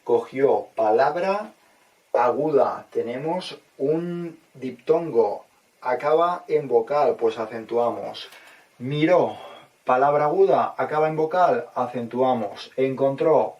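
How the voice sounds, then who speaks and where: A male teacher takes a spelling lesson step by step, in a steady mid-range voice. He reads a passage, then works calmly through each word, and he sounds a little far from the microphone. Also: medium pitch, lo-fi sound. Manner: slow, methodical, word by word explanation. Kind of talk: spelling lesson, reading a story aloud and explaining accents. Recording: voice a bit far from the mic.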